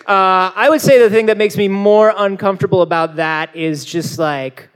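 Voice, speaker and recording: A man's voice: high voice, moderate pace, clean tone. A man hosting a live podcast panel at a convention, rambling and jokey with plenty of filler. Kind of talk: casual comedic banter.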